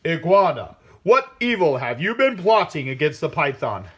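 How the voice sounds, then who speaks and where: Man playing a commanding storybook lion king, emphatic and lively. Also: a little high, slightly rough, exaggerated voice. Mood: stern, accusing. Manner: emphatic, drawn-out proclamations. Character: commanding lion king questioning his animal council.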